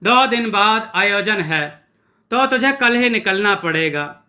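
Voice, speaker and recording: A man voicing a stern, bossy middle-aged father who gives gruff commands. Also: high voice, expressive, slow pace, pushed and bright, heavily acted.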